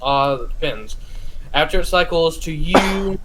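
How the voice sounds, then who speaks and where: A man's voice: on the high side, unhurried, noisy background. A man running a tabletop game as game master, narrating casually and loosely, with frequent swearing and restarts. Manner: loose, profane, trails off and restarts.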